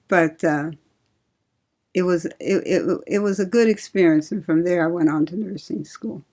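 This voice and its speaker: An older woman from Ohio, a retired nurse, reminiscing slowly and laughing often in an oral history interview. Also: lowish voice, mellow. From Cincinnati, Ohio.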